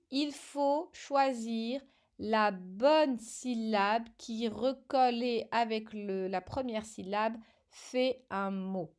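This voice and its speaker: French lady teacher going slow for little kids, voice sits a bit high, very patient. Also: a little mellow. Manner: slow, patient, clearly articulated dictation. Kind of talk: children's phonics lesson.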